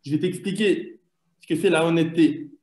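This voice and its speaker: A man's voice: a little high, brisk, a little mellow, lightly acted. A young man voicing a sly, lecturing shopkeeper father in a joke. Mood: sly lecture. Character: scheming middle-aged male shopkeeper father. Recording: echoey room sound.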